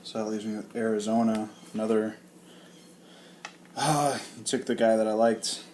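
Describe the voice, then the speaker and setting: A man co-hosting a casual sports chat, animated and getting loud when he rants. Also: fairly low pitch, normal speed, slight background noise. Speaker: co-host.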